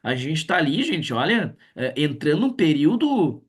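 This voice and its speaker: A man teaches a literature class in a livestream, with a voice pitched a little high for a man. He talks in an animated way, reads poems aloud with feeling and keeps checking in with his students. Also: normal speed, breathy edge. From Brazil.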